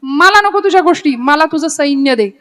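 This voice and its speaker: A woman's voice: high-pitched, lively intonation, normal speed, fairly bright tone. A woman voicing a proud, greedy warrior prince who scoffs at a god's offer, in a sermon story. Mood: scornful. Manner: dismissive, scornful.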